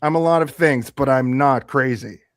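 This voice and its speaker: A man playing an excitable, boastful washed-up space-show actor in a radio theatre piece, pleading insistently and repeating himself. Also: medium pitch, moderate pace, dry recording, clean studio sound, close to an everyday voice.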